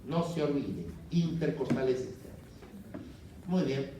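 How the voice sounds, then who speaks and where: A man with a Peruvian accent giving a classroom lecture as a medical school teacher, lively and constantly quizzing students with tag questions. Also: medium pitch, unhurried, background noise. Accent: Peruvian Spanish. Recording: echoey classroom, mic far off.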